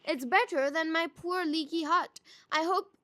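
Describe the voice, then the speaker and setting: A woman performs a sly male trickster from a storybook. The voice is high and swoops upward with melodrama. The manner is folksy, cheerful and full of exaggerated thanks. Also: measured pace, fairly bright tone. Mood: smug, grateful. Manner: folksy, exaggerated, mock-grateful. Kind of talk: acted storybook dialogue.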